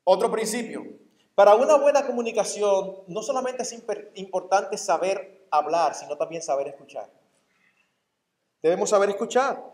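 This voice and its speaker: Pastor guy preaching, pretty high voice, chatty, acts out convos, big echoey church. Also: normal speed, a little mellow. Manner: conversational preaching, acting out dialogues. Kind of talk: conference sermon. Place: church sanctuary.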